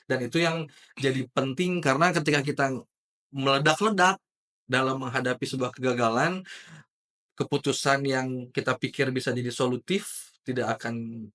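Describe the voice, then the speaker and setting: A man hosting a podcast, reflecting in a relaxed way and mixing in English words. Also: mid-range voice, normal speed, long pauses. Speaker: podcast host. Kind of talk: casual podcast chat.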